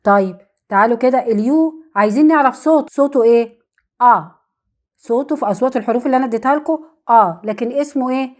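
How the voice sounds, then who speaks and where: Woman, Egyptian Arabic accent, English teacher, slightly high pitch, repeats words slowly, asks herself questions. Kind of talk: lesson explaining vowel rules.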